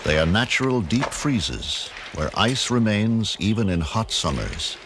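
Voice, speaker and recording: A man reading scripted nature documentary narration in a measured, dramatic storytelling manner. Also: on the low side, very animated, fairly bright tone, a little hiss or hum. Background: music.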